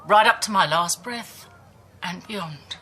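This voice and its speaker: A woman's voice: on the low side, slow pace, a little hiss or hum. An actress playing a blunt, earthy older woman in a television soap drama. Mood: reflective. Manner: blunt and earthy, softening into quiet remembering.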